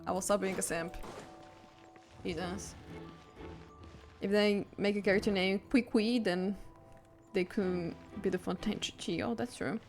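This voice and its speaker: A woman's voice: mid-range voice, steady tone, unhurried, long pauses, faint music behind. Giggly woman streamer. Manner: giggly, joking. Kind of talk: casual game stream commentary.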